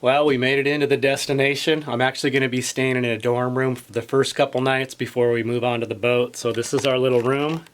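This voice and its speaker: A man's voice: mid-range voice, little pitch movement, a little fast, few pauses. A man talking casually to camera as a travel vlogger, giving updates on his trip. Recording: faint background noise on location.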